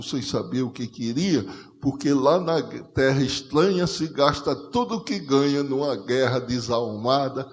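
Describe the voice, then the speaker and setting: A man from Rio Grande do Norte with a Northeastern Brazilian accent, reciting rhymed poetry in a rhythmic, declamatory way at a conversation circle. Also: fairly high pitch. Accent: Northeastern Brazilian, Potiguar. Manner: rhythmic, declamatory verse delivery with repetitions. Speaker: poet, guest of a conversation circle. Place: auditorium of a cultural center. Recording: long hall reverb.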